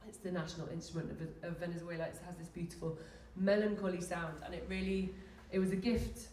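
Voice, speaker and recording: A woman from London, a singer-songwriter, chatting to a live audience between songs in a relaxed way, with plenty of ums and likes, while nursing a sore throat. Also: fairly low pitch, fast talker, slight background noise. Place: small live music venue. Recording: roomy live room, voice from a distance, instrument behind.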